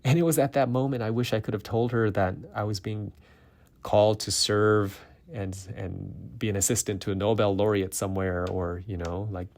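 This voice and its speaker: A man's voice: lowish voice, steady tone, normal speed, gravelly, a little mellow. A man, a doctor and mentor, telling a personal faith story in an earnest, reflective and self-deprecating way. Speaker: physician and faculty mentor.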